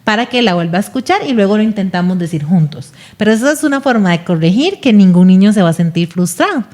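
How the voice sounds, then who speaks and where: A woman's voice: medium pitch, animated, quick pace, darkish tone. Woman speech therapist on a podcast, patient, keeps tacking on "verdad?". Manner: patient explanations, often ending phrases with "¿verdad?". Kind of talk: expert explaining in a podcast.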